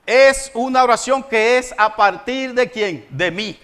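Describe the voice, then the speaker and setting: A man's voice: extremely high pitch, a little slow, fairly bright tone. A man, preaching an emphatic sermon to his congregation as pastor. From Dominican Republic. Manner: emphatic preaching, rising and falling in volume, addresses congregation directly. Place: church.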